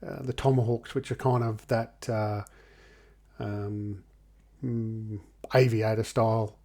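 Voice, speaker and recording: An Australian man hosting a casual podcast interview, speaking in a hesitant, halting way. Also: fairly low pitch, flat delivery, creaky, mellow. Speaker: podcast host.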